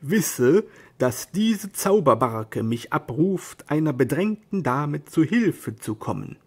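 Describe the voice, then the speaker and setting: A man voicing Don Quixote, a lofty, deluded old knight, declaiming grandly and shouting orders. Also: fairly high pitch, very animated, slow, slightly rough, heavily acted. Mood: grandiose.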